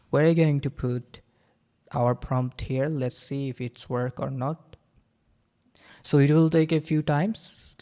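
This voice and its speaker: Guy doing a casual software walkthrough, kinda gravelly, dark tone, lots of okays and pauses. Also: medium pitch. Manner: halting, many fillers and repeated okays, loose grammar. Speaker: software reviewer. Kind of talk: casual screen-recording tutorial.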